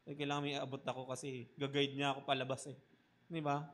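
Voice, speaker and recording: A Filipino pastor preaches in Taglish, mixing Tagalog and English at a quick pace with little pitch movement. He often tags lines with "di ba?" and swings between loud, emphatic bursts and quiet, low asides.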